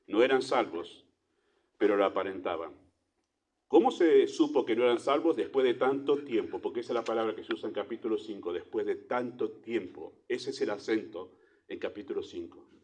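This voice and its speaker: A man with a Rioplatense Spanish accent, a pastor preaching a sermon in church, asking rhetorical questions and swinging between loud emphasis and quiet asides. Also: fairly low pitch, animated, moderate pace.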